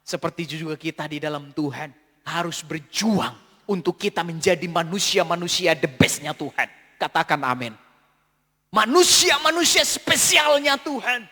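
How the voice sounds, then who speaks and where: A man preaching a sermon, emphatic and repetitive, swinging between soft passages and shouts. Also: on the high side, normal speed. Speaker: pastor. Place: church hall. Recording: long church hall reverb.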